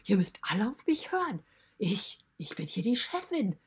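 A woman's voice: mid-range voice, big pitch swings, normal speed, slightly rough, voice pushed up. Woman playing a haughty princess cat. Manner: haughty, demanding. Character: vain bossy female cat, self-styled princess. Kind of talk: children's podcast storytelling.

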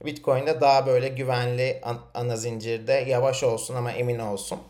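A man's voice: mid-range voice, little pitch movement, brisk, darkish tone. A man interviewing in a casual, informal and encouraging way.

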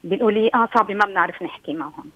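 A woman's voice: mid-range voice, racing, no echo. A woman, living abroad in Australia, asks her question over the phone, thoughtful and searching for words. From Levant, living in Australia. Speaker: caller. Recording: dry, phone-like line.

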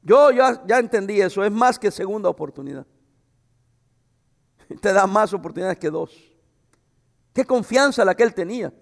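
Man, pastor mid-sermon, high voice, expressive delivery, long hall echo. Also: normal speed, vocal fry, long pauses. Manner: expressive preaching with asides. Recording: reverberant hall.

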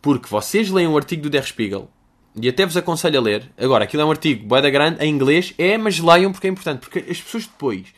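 Young guy, european portuguese accent, slangy crude rambling comedy q&a, a bit high pitched. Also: animated, fast. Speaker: comedian host answering listener questions. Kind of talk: casual comedic monologue.

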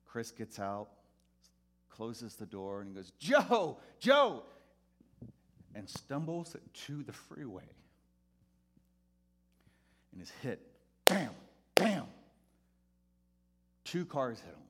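A pastor delivers a sermon through a personal story, his voice sitting very low. He grows animated and loud as the story builds, and he acts out the voices of the people in it. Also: takes it slowly, pauses often, husky.

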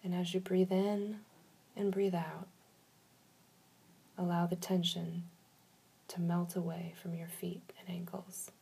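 A woman guides a relaxation exercise in a low-pitched, very breathy voice with a mellow, gravelly edge. She gives slow, soothing instructions and leaves long pauses between them. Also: flat delivery.

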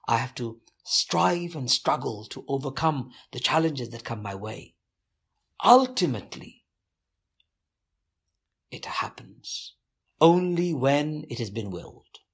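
Gravelly, husky man speaking earnestly. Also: medium pitch, expressive. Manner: measured, earnest, devout. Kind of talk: reflective interview answer.

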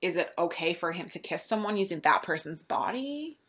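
A woman's voice: lowish voice, animated, fairly quick, a bit bright, slightly rough. A woman co-hosting a podcast, chatting casually and explaining things in an informal way. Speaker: podcast co-host. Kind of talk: casual podcast chat about books and films.

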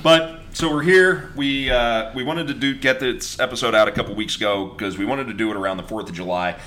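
A man's voice: medium pitch, a little fast, sharp tone. A man hosting a podcast in casual, bantering talk. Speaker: podcast host.

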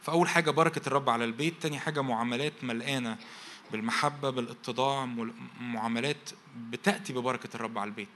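A man with an Egyptian accent delivers a sermon at a breakneck pace, his bright, forceful voice driving through repeated lists. He keeps tossing rhetorical questions to the congregation so they finish the verses. A faint hum sits behind him. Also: mid-range voice. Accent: Egyptian Arabic. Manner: repeats phrases in rapid parallel lists. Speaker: pastor.

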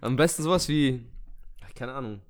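A man's voice: medium pitch, moderate pace, crowd noise. A man co-hosting a casual comedy podcast, stuffed up with a head cold and joking in a mock-serious way. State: congested with a head cold, snotty runny nose. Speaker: podcast co-host.

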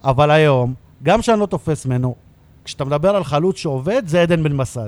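A man in a sports podcast making his case in a measured, dry way. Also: a little high, lively intonation, darkish tone, no room sound. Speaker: podcast panelist. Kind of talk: sports debate.

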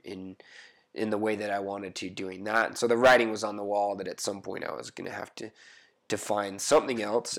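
Gravelly low-voiced man with a head cold. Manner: reflective, thoughtful storytelling. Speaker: photographer guest. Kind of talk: casual interview conversation. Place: his home.

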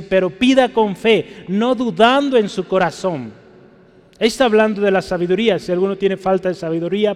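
A man's voice: high-pitched, darkish tone, long reverb tail. A man preaching a sermon, emphatic and pleading, often asking his listeners to look closely and agree. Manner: emphatic, pleading, repeats 'fíjese' and '¿verdad?'.

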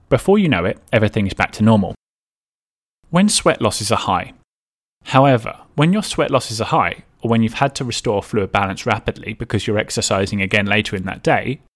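A man presenting scripted advice as a coach and podcast host, in a tidy, structured, instructional way. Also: medium pitch.

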